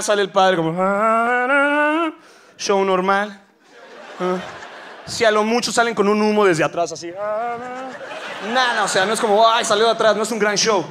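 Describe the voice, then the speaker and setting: Mexican male stand-up comic, bright, piercing voice, animated slangy delivery on a live stage. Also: high-pitched, slight background noise. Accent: Mexican Spanish. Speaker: stand-up comedian. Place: auditorium stage, live show.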